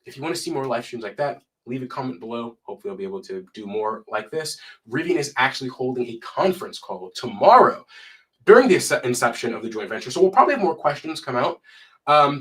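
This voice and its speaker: A man's voice: medium pitch, fairly bright tone. A young man with a stuffy, cold-blocked voice, hosting a casual live stream and reading numbers aloud with chatty asides. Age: young adult. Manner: chatty, reads figures aloud and adds asides.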